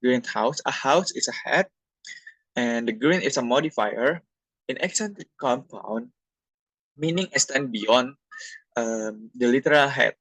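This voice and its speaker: A young man from Indonesia, a university student presenting a class talk from slides in a halting, plain explanatory way. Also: medium pitch, a bit bright, slightly rough, no echo, low-quality recording.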